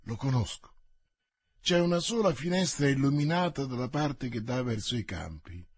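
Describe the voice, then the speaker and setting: A man voicing a cautious, loyal manservant who speaks low and deferentially, in an audiobook. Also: expressive, moderate pace, breathy edge, no echo. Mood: wary.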